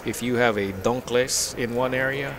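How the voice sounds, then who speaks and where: A man's voice: mid-range voice, moderate pace, a bit bright. A man commentating a pool match on a live stream, chatty and joking, telling anecdotes between shots.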